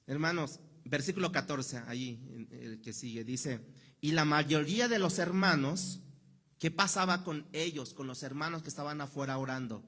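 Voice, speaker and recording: A man's voice: on the high side, moderate pace, a bit bright. A Mexican pastor preaching a sermon in a conversational way, asking rhetorical questions and acting out the voices of people he quotes. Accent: Mexican Spanish. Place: church hall.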